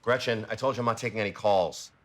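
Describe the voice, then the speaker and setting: A man's voice: fairly low pitch, fast, fairly bright tone, natural voice. An actor playing an anxious, fussy male law partner who gets flustered easily. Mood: irritated. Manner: flustered, voice jumping up when rattled.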